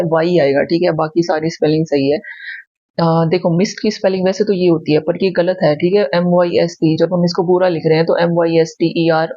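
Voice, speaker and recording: During a spelling lesson meant for exam preparation, a woman teacher patiently spells words letter by letter, frequently asking "ठीक है?" to confirm students are keeping up. Her voice is lowish and mellow, and the lo-fi recording has no echo.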